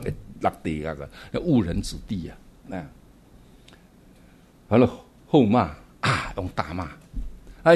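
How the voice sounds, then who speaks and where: A man giving a Buddhist dharma talk, animated and asking his listeners rhetorical questions. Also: fairly low pitch, breathy edge. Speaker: Buddhist teacher.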